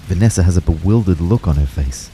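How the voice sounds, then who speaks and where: A young man talks at a quick pace in a low voice, with slight background noise. He's the anxious narrator of his own out-of-body ordeal in an audio drama, narrating in the first person and acting dialogue. Expressive, tense and reflective, he moves from hushed narration to urgent pleading.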